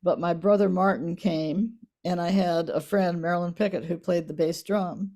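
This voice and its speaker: A woman in her eighties, reminiscing in a casual family interview, soft-spoken, her voice trailing off quietly at the ends of lines. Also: fairly low pitch, steady tone, moderate pace. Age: 80s. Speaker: interviewee, the mother.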